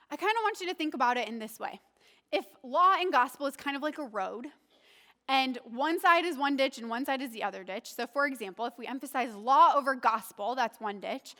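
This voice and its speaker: A woman's voice: high voice, bright, forceful tone. A woman pastor preaching a sermon in a conversational, earnest way, often asking the listeners questions.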